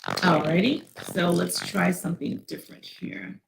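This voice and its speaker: A woman's voice: lowish voice, steady tone, moderate pace, vocal fry, noisy background. A woman presenting in an online webinar, her voice coming through a video call with robotic, distorted audio. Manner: explaining step by step. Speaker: presenter from a property tax office.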